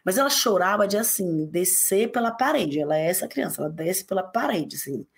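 A woman guest in a casual podcast conversation, telling stories quickly and acting out quotes. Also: medium pitch. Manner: animated, quick storytelling with acted quotes.

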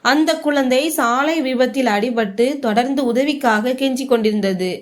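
Woman storyteller, steady expressive narration, fairly high pitch. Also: normal speed.

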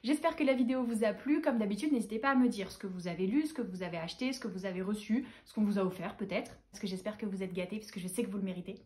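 A woman's voice: mid-range voice, very fast, hardly any pauses, dark tone. A young woman from France hosting a casual book haul chat, gushing with fan enthusiasm. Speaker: booktuber host.

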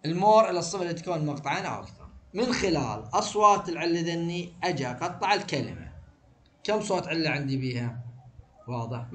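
A man with an Iraqi Arabic accent teaching an exam review, firing quick questions and answering them himself. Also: fairly high pitch, fairly bright tone, slight background noise. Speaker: English teacher.

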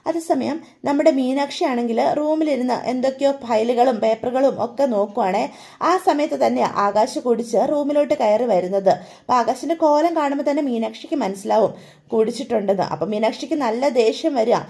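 A woman's voice: fairly high pitch, fairly quick, a little mellow. A woman casually narrating a serial storyline, chatting to her listeners.

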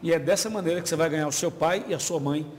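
A man's voice: fairly high pitch, very fast. A man with a Brazilian Portuguese accent, a pastor answering viewers' questions on a live video chat in an explanatory, chatty way. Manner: warm, explanatory, chatty, laughs easily. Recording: reverberant studio with faint ambient noise.

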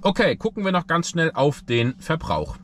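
A man in his thirties talking casually to the camera from the driver's seat of his car, relaxed and full of fillers. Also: on the high side, normal speed, slight background noise. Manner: chatty, relaxed, many fillers. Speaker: vlogger. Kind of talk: casual vlog talk to camera. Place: inside a car, driving then parked. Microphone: camera mounted on the dashboard.

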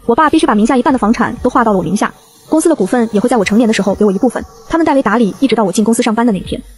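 A woman reads a first-person novel aloud at a breakneck pace. Her voice sits somewhat high for a woman, and the reading stays brisk and scripted throughout. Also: animated, a little mellow. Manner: rapid, brisk storytelling. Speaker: audiobook narrator.

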